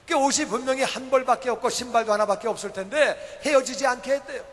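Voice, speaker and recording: A man preaching in a church sanctuary, his high voice trailing off into a long reverb. He retells a story in simple words, repeating phrases and firing rhetorical questions at the congregation. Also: fast, a bit bright. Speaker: pastor. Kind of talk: sermon.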